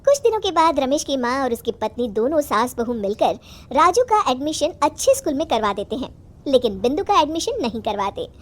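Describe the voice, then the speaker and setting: ऊँची आवाज़ वाली महिला कथावाचिका. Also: female voice, high voice, sing-song, fairly quick. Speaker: narrator. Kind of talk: scripted children's story narration.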